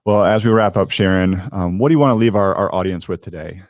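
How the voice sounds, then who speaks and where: A man hosting a podcast interview, steering the chat to its close with a halting, filler-heavy delivery. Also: low voice, no room sound. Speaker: podcast host. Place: podcast studio.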